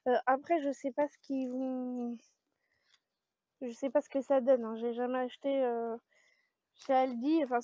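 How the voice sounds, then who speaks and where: Chatty high-voiced woman. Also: dry recording. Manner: chatty, rambling, with many fillers and laughs. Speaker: vlogger showing her grocery haul. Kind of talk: casual chat to camera. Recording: dry, dull lo-fi sound.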